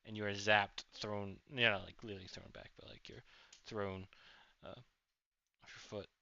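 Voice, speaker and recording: A man's voice: lowish voice, steady tone, a little slow, creaky, pushed and bright. A man narrating as game master of a tabletop game, rambling with many fillers and restarts. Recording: dull lo-fi audio.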